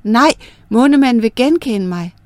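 A clever young girl speaks quickly and defiantly, her voice lifting higher than the teller's own, as a woman reading the story puts her on. The recording is close and dry. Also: expressive, dry recording, lightly acted. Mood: refusing. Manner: quick, defiant, sometimes calling out.

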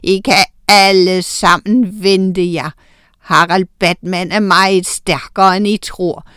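Woman doing a slow, gloating male bat villain. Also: lowish voice, steady tone, a bit bright, smooth, dry recording, studio quality, lightly acted. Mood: menacing. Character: menacing male villain who commands bats.

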